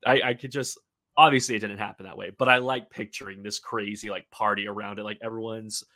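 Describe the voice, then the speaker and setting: A man's voice: lowish voice, steady tone, brisk, sharp tone, no room sound, clean studio sound. A man talking as a podcast guest in casual chat, eager and talkative, often restarting his sentences. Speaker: podcast guest, film reviewer.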